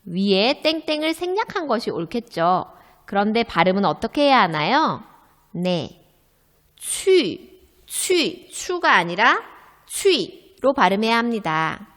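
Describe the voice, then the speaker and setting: A woman's voice: medium pitch, big pitch swings, unhurried, fairly bright tone, big-room sound. A woman teaching a Chinese lesson, drilling pinyin sounds and asking questions she answers herself. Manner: asks rhetorical questions and answers them. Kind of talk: recorded classroom lesson.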